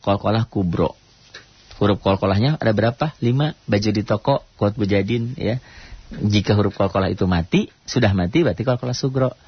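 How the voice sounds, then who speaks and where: A man from Indonesia gives a radio lesson on Quran recitation. His explanations come quickly and plainly, then slow into long, chanted recitation of verses. The sound is dry and slightly dull, like an older broadcast. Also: lowish voice, slightly rough, dry recording.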